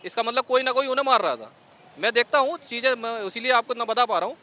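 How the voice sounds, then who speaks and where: A man's voice: very high voice, animated, fast, noisy background. A man being interviewed on a city street, speaking earnestly and rambling with many fillers.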